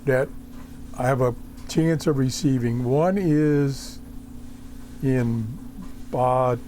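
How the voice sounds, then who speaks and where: A man talks slowly and casually as he tunes in a shortwave radio. His voice sits at a medium pitch, and he mutters to himself haltingly with folksy exclamations. A faint noise runs underneath. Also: warm tone. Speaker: radio hobbyist demonstrating a shortwave receiver. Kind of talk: casual off-the-cuff commentary while tuning a radio. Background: shortwave radio being tuned in.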